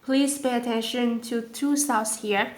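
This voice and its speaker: Slow-speaking woman with a Vietnamese accent. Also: on the high side, fairly even intonation, roomy sound. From southern Vietnam. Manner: slow and careful, repeating sounds aloud. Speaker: language teacher. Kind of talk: pronunciation lesson.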